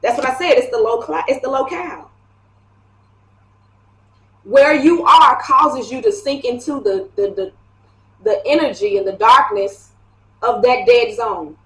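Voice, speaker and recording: A woman giving a casual tarot reading to camera, chatty and animated, laughing often as she talks. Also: fairly high pitch, unhurried, pauses often. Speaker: tarot reader. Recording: echoey room.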